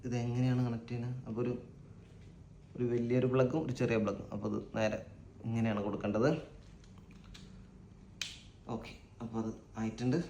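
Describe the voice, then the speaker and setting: A Malayali man hosts a casual unboxing vlog, thinking aloud in an informal, slightly hesitant way. His medium-pitched voice is warm but flat, a little fast and broken by frequent pauses. The audio sounds dull, with room echo and faint background noise.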